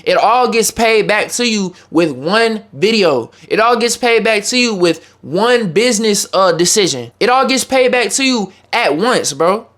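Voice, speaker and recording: High-pitched man giving emphatic motivational talk. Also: lively intonation, measured pace, hardly any pauses, a bit bright. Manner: emphatic, repetitive exhortation; slangy, informal address. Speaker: YouTuber.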